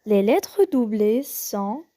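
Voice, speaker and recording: Slow-talking woman teaching the Korean alphabet. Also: medium pitch, animated, mellow. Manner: slow, hesitant, with many pauses and fillers; repeats each sound slowly for the learner. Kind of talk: casual lesson on the Korean alphabet.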